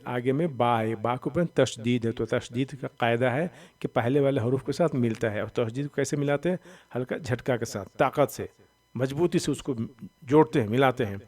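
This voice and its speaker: A man teaching Quran reading, slowly sounding out letters and syllables, drawing out the long vowels, with a voice that cracks when he strains it. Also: mid-range voice, darkish tone, recorded from a distance. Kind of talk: Noorani Qaida recitation lesson.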